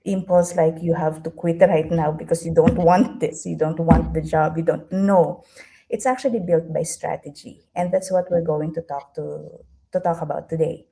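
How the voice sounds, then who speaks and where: A woman's voice: sits low, fairly even intonation, moderate pace, warm tone, soft background music. A woman hosting a live stream interview, talking in a chatty way with many fillers and restarts. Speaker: host.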